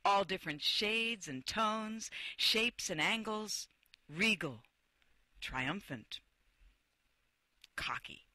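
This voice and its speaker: A woman's voice: mid-range voice, expressive, extremely slow, long pauses, bright, forceful tone, no room sound. A woman hosting an interview, playful and effusive, who also reads a passage aloud. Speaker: interview host. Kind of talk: casual interview and reading aloud.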